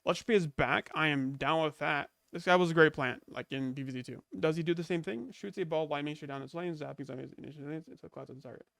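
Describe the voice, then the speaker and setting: A young gaming YouTuber, still getting over a cold, rambles casually through a review of game leaks, with plenty of fillers and restarts. His slightly high, fairly bright voice is creaky and quick, with hardly any pauses, in a dry recording.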